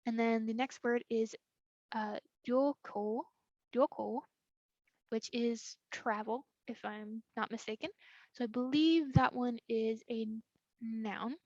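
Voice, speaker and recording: A woman's voice: a little high, slow pace, a little mellow, no echo. Hesitant young woman tutoring a class. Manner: hesitant, full of likes and ums, hedging. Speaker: student tutor. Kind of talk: casual recorded study lesson. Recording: dry, dull lo-fi sound.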